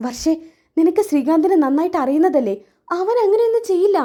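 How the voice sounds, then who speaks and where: A woman's voice: sits high, big pitch swings, a little fast, warm tone. A woman voicing a caring young sister-in-law who coaxes and asks worried questions. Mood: coaxing, worried. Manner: coaxing, questioning.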